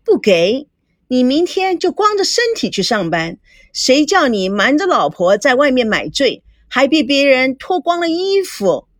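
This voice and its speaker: A sharp-tongued young woman who speaks in a pointed, teasing way with a lively, wide-ranging voice, as a woman storyteller puts her on. The sound is dry and close. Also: high voice, measured pace, no echo, pitched above the performer's own voice, exaggerated voice. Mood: scolding.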